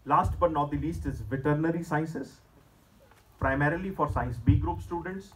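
A middle-aged man with an Indian accent lecturing students in an emphatic, measured way, as a career seminar presenter. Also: fairly high pitch, fairly bright tone, poor audio. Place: school hall stage, indoors at a podium.

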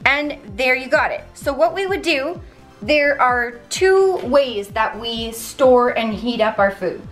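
A woman's voice: high-pitched, lively intonation, takes it slowly, fairly bright tone, faint music behind. A woman in her thirties, from Canada, chatting step by step through a meal prep in her home kitchen. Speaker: vlogger. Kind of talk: casual cooking vlog.

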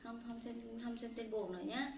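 A woman's voice: fairly high pitch, fairly even intonation, moderate pace, gravelly, darkish tone, slight background noise. A woman filming her pets, coaxing and affectionate, talking to them like small children. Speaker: pet owner filming her monkeys. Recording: echoey room with faint music.

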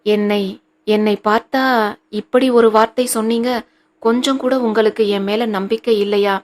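A tearful young wife, pleading and earnest, her words held on a narrow, even pitch, as a woman reads her aloud. The storybook voice stays controlled and level. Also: moderate pace, a little hiss or hum, natural voice.

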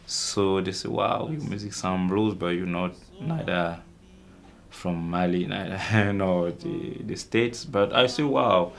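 Deep gravelly man with halting speech. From Cameroon. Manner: halting, many fillers and restarts. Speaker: musician guest. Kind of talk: casual interview answers.

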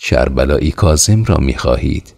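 A man voicing a callous Cossack commander who talks in a cold, falsely calm and menacing way. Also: very deep voice, creaky, heavily acted. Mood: falsely polite.

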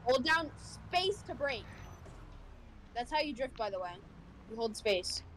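A woman's voice: on the high side, big pitch swings, a little slow, a bit bright, slight background noise, rough recording. A woman co-hosting a gaming video in casual chat, bossy and teasing with playful drama.

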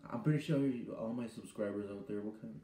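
Teenage boy, casual vlog, rambling, hesitant, very dark mellow tone, phone mic, echoey room. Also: lowish voice, brisk. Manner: rambling, hesitant with many ums. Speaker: vlogger. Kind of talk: casual chat to camera. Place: small bedroom indoors. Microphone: webcam or phone at arm's length.

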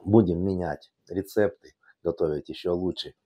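Odesa guy w/ yiddish-ish russian accent doing casual cooking, low raspy voice, folksy, repeats himself. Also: moderate pace, dark tone, dry recording. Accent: Odesa Russian, Yiddish-tinged. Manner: folksy, repetitive, fond of affectionate diminutives. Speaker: cooking channel host.

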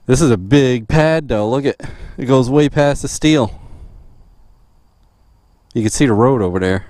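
A man's voice: mid-range voice, measured pace, a little mellow, dry recording, studio quality. A man vlogging on a motorbike ride outdoors, talking in a blunt, teasing way with lots of swearing, recorded on a helmet camera. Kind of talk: casual outdoor chat. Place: outdoors in woods and open lots.

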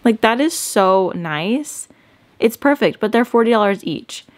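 A woman's voice: on the high side, animated, a little slow. A young adult woman chatting casually as she vlogs about organizing her home, rambling with lots of filler words. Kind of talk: casual chat. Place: at home, indoors.

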